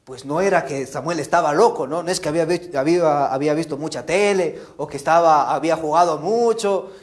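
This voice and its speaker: A man telling a Bible story to children in an animated way, often checking in with them. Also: on the high side, a little fast. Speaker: catechist.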